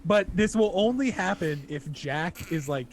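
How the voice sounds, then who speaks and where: A man's voice: high-pitched, expressive, measured pace. A young man running a tabletop game as game master, laid-back and joking, with lots of fillers.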